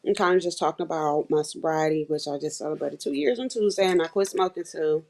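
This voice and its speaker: A woman with a low-pitched voice hosts a loose, conversational livestream. She speaks informally and colloquially, working her words around a tongue piercing and chewing gum. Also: fast, darkish tone, a little hiss or hum. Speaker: livestream host. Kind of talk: casual rambling live chat.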